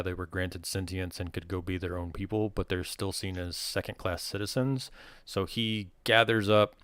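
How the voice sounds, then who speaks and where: A man's voice: on the low side, fairly bright tone, smooth, no echo. A man narrating a tabletop game as game master, explaining things in a casual, colloquial way.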